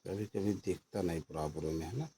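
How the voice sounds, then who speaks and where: A man with a low, gravelly voice working through exam questions one after another. He reads the options in turn, then names the answer. He often slows down to repeat a word several times so its spelling sinks in. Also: mellow, slight background noise. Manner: reads each option aloud then states the answer, repeating key words; slows down to drill correct spellings. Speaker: exam coaching teacher. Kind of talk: exam question review lesson.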